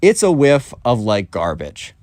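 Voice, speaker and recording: A man's voice: mid-range voice, wildly swooping pitch, unhurried, darkish tone, no room sound, clean studio sound. A man telling a story on his vlog in a casual, rambling way, full of fillers. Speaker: storytime YouTuber.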